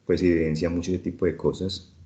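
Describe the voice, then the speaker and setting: A man's voice: sits low, level tone, a little fast, mellow. A man, a student, answering his teacher hesitantly in an online class. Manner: hesitant, restarts.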